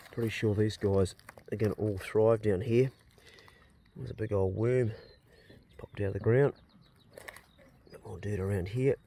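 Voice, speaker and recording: A man with a broad New Zealand accent and a mellow, fairly low voice chats casually for his outdoor vlog. A landowner, he's plain-spoken and rambles as he thinks out loud.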